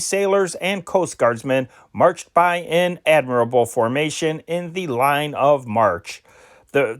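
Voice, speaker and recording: Reading old newspaper dispatches in the manner of an amateur newsreader, this man keeps a steady, deliberate pace and fixes the odd slip as he goes. His voice sits on the high side.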